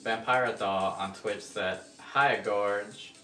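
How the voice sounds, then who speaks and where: A man from Mexico reads viewer comments aloud in a dry, matter-of-fact way. His voice is low but bright, and it comes from away from the mic. He sounds like he's in an echoey room with faint music playing behind him. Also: steady tone, slow, recorded from a distance. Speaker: co-host reading viewer comments. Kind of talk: casual chat reading comments aloud. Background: faint background music.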